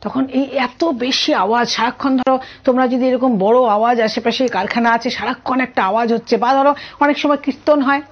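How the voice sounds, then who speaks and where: A woman with a Bengali accent teaching an online science class, asking students questions and explaining step by step. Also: fairly high pitch. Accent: Bengali, from Tripura. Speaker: science tutor. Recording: muffled lo-fi audio.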